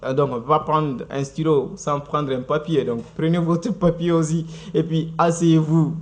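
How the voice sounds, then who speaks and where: Lively man teaching English on TV. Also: a little high, measured pace. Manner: lively, laughing, switching between French and Bambara. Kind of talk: live TV language lesson.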